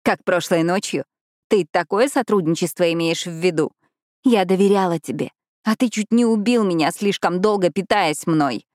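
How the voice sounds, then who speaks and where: A woman's voice: on the low side, moderate pace, a little mellow, no echo, studio quality, natural voice. A woman voicing an angry, sarcastic young female captive in an audiobook, speaking sharply and raising her voice. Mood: furious.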